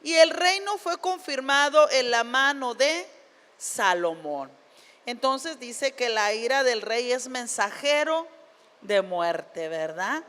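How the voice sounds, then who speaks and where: High-voiced woman preaching slowly. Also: lively intonation, a bit bright. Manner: retells scripture in plain words, with frequent tag questions. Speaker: pastor. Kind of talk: sermon. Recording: long reverb of a church hall.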